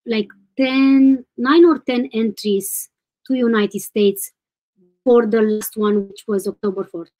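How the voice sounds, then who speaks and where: A woman's voice: on the high side, steady tone, slow, darkish tone, poor audio. A woman in her thirties from Romania, calling in over video and hesitantly laying out her situation in detail. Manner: hesitant, detailed step-by-step account. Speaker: caller. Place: home room. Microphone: webcam on a video call.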